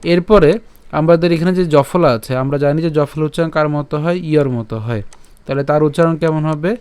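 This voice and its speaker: Male recitation teacher, fairly high, smooth, dry close sound, slow syllable drills. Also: a little mellow, no echo. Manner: checks in with listeners often. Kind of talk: pronunciation lesson.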